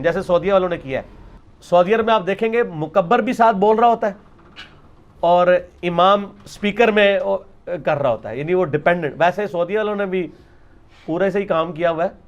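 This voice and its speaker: In this religious lecture, a man speaks in a high-pitched voice whose upper frequencies sound cut off. He makes his case through emphasis and a string of rhetorical questions.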